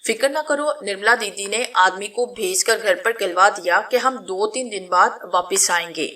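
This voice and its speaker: A gentle young woman, timid and caring, with a bright voice that stays soft and reassuring, as a woman reads her in a storybook. Her words soothe and worry at once. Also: medium pitch, natural voice. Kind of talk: storybook reading.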